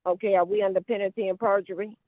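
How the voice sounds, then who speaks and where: A woman defendant argues in a courtroom hearing recorded over a phone-like line, insistently repeating her objections and questions. Her mid-range voice is steady and quick, and the recording is dry.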